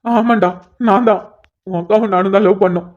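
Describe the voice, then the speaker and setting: A man playing a lovesick cop in a cartoon story, pleading and stumbling over his words. He speaks high and rapid. The recording is dull and lo-fi. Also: steady tone, a little mellow, close to an everyday voice. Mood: tearful. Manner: pleading, stammering when upset. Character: anxious lovesick police officer, brother-in-law. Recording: dull lo-fi sound.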